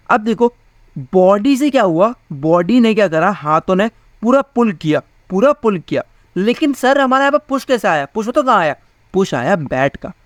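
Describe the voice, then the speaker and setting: A man's voice: high voice, no room sound. A young man teaching a physics class in a casual, chatty way, often asking his students questions. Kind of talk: casual Hindi class lecture.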